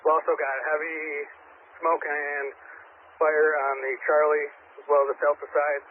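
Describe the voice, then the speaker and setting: A man's voice: on the high side, flat delivery, a little slow. A male firefighter giving terse reports and replies over a two-way radio. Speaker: firefighters and engine crews on radio. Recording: tinny, noisy emergency radio channel.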